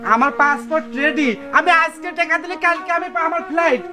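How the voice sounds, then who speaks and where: A man's voice: very high voice, expressive, a little fast, music in the background. A man playing a greedy, bullying husband who taunts his wife and demands money. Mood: taunting.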